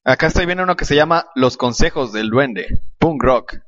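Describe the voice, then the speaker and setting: A man's voice: mid-range voice, expressive, moderate pace, a bit bright, dry recording, lo-fi sound. A man in casual podcast chat, laughing as he retells comic strips. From Mexico. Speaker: podcast co-host.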